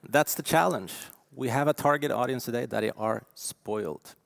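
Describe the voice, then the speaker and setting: A gravelly-voiced Norwegian man in his forties delivers a conference keynote on stage at a moderate pace and average pitch. There's no room sound, and the audio is dry and close. His style is lively and emphatic, punching key words, with frequent fillers.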